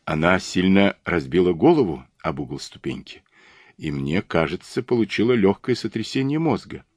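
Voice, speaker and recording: Man voicing a shrewd older detective, soft and measured, knowing tone, very low voice, lively intonation. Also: slightly rough, no room sound. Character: shrewd, gentle older male Belgian detective.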